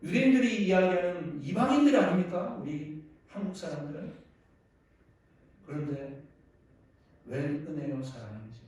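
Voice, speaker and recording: A male pastor preaching earnestly in a church sanctuary, swinging between loud exclamation and quiet reflection. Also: on the high side, slight background noise. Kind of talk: sermon. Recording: echoey hall, distant mic.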